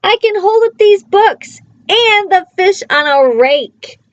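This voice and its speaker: Lady doing a showoff storybook cat, high n bouncy, eager and coaxing, bit dull sound. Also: lively intonation, slow pace, no echo, full character voice. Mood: boastful, excited. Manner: exuberant, showy, coaxing. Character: playful, boastful male cat in a hat, eager showman. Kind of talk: children's storybook read-aloud.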